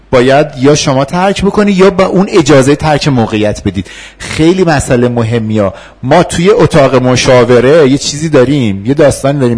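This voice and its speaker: A man with a husky, slightly breathy voice leads a class in an easy, conversational manner. He laughs often and slips into short role-plays to show how he would speak to a student. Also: mid-range voice, a little mellow. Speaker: instructor. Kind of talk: classroom lecture with role-play.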